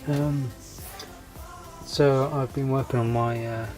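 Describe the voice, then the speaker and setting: Slowly and with fairly even intonation, a man with a darkish mid-range voice rambles through a vlog update for his scale model channel. He's congested and his voice is fading from a cold, so ums and restarts abound, with faint music behind him.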